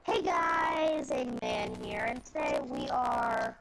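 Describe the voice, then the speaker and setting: A male host of a gaming video giving casual, rambling, excitable commentary while playing, his voice coming through with a robotic, glitchy distortion. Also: a bass voice, slow pace. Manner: rambling, excitable, filler-heavy. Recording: loud game noise behind voice.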